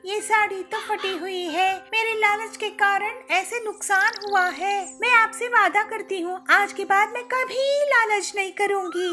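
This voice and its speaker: A woman voicing a greedy, whiny young female bird who is a daughter-in-law, with a shrill, pleading voice. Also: fairly even intonation, a little slow, hardly any pauses, sharp tone, soft background music, full character voice.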